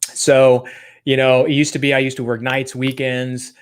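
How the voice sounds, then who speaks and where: A man's voice: mid-range voice, flat delivery, moderate pace, smooth. A man hosting a live-streamed business training from a home office, upbeat and rambling, with many fillers.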